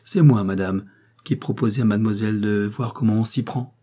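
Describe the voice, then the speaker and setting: Dignified sad young widow, read by a man, restrained and grave, mellow low voice. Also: fairly quick, natural voice. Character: proud grieving young widow, lacemaker.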